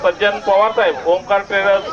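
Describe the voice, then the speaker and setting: A man over a loudspeaker at an outdoor wrestling ground, formally reading out donors' names. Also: high voice, brisk. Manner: formal, steady listing of names. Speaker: event announcer. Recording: muffled PA sound over a crowd. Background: crowd noise.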